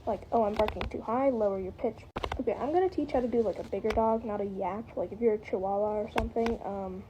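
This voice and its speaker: A woman's voice: mid-range voice, fast, highs cut off. Rambling woman teaching, noisy recording. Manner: rambling, hedging, full of "like" and "kind of". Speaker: tutorial maker. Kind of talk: casual spoken tutorial.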